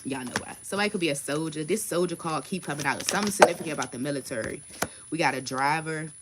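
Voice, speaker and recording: A woman's voice: low voice, fast talker, heavy background noise. A woman in her thirties doing a casual tarot reading livestream, talking bluntly and emphatically with frequent swearing. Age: 30s. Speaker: tarot card reader.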